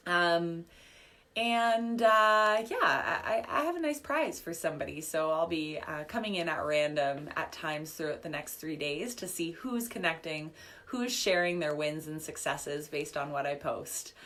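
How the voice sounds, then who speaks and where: Low-voiced woman coaching a live online workshop. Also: animated, measured pace, fairly bright tone. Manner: chatty, upbeat, filler-heavy, reading chat comments aloud. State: slightly losing her voice. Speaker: business coach and podcast host.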